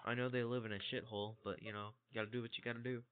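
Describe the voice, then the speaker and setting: A man's voice: medium pitch, little pitch movement, racing, a little hiss or hum. A man in the middle of his range, dropping swear words as he drifts through long, meandering anecdotes. He chats loosely with friends on a podcast. His voice comes through a narrow, phone-like online voice call. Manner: swears a lot, rambling storyteller. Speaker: podcast co-host. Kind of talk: crude casual chat. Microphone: online voice chat. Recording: tinny voice chat line.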